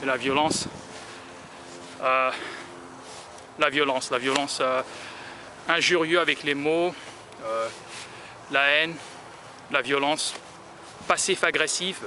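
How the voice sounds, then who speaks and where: A man's voice: fairly high pitch, takes it slowly, long pauses. A man from France vlogging as he walks outdoors, talking in a rambling, hesitant way full of filler sounds. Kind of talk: casual walking monologue. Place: outdoors in a town, walking in the sun. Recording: noisy outdoor street recording.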